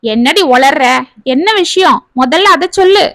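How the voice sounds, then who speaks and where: A woman's voice: sits high, lively intonation, measured pace, no room sound, studio quality. A woman voicing a stern, tradition-bound elderly mother in a spoken family story. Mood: anxious.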